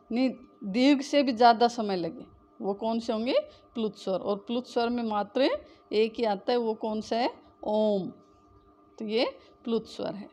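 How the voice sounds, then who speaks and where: A woman's voice: a little high, darkish tone. A woman teaching Hindi grammar, who asks the class questions and answers them herself, repeating the key terms. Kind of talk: classroom lesson.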